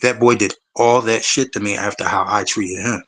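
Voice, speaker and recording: A man's voice: lowish voice, fairly even intonation, moderate pace, a bit bright. Man telling a story, emphatic and profane. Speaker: panelist. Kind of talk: candid storytelling on a panel.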